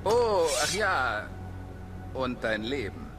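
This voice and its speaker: A sneering, arrogant young nobleman villain in a German game dub. He taunts slowly and mockingly, his pitch rising and falling widely. Loud game music plays behind him. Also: sing-song. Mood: taunting. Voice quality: mocking, drawn-out taunting delivery.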